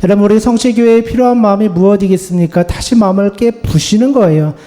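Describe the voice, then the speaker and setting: A man preaching a Sunday sermon as pastor, earnest and conversational, often ending his points with a gentle spoken refrain. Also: high-pitched, quick pace. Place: church sanctuary.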